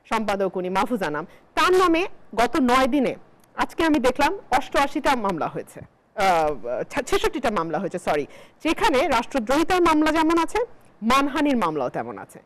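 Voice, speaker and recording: A woman from Bangladesh argues as a barrister on a political TV panel. She speaks high, with wide, lively swings of pitch. She builds each point with emphasis. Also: normal speed, poor audio. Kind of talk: televised political debate.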